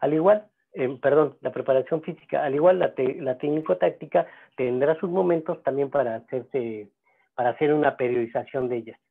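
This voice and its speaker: A man teaching a seminar, talking in a halting way with many fillers and restarts. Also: medium pitch. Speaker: seminar instructor. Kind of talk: lecturing at a seminar. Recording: gravelly voice on a tinny phone-like line.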